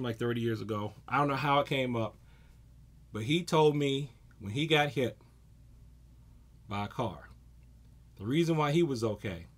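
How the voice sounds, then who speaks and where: A man in his forties, a martial arts instructor, giving a casual self-defense talk and acting out stories with energy. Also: medium pitch. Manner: animated storyteller, acts out scenes.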